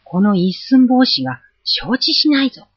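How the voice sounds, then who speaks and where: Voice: mid-range voice, sing-song, normal speed, breathy edge, voice pushed up. A narrator doing a tiny, bold boy hero, Issun-boshi. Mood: defiant. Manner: shouting boldly. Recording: dull lo-fi recording.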